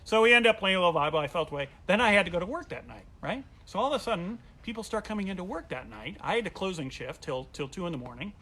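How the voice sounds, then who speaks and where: A man's voice: high voice, rapid-fire, few pauses. A male comedian telling a funny personal story at home, acting out the voices of the people in it. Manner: animated, acts out quoted voices. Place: at home during quarantine.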